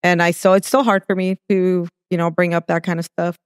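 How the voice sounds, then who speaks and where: A soft-spoken man, born in Mexico and raised in California, speaks as a guest in a relaxed interview. He pauses and hedges as he reflects. His voice is smooth and clear, recorded close and dry, with no room sound. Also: high voice, dry recording. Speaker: guest, restaurant entrepreneur. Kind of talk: casual interview conversation.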